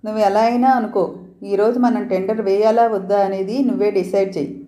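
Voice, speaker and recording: A woman's voice: mid-range voice, steady tone, a little fast, dark tone, close to an everyday voice. Teasing young boss guy, woman reading him, bossy and playful, echoey room.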